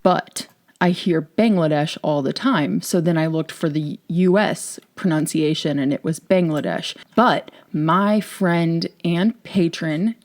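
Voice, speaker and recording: A woman's voice: low voice, slow, a little mellow. A woman vlogger talking about music, chatty and emotional, reading excerpts aloud. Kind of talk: vlog commentary with readings.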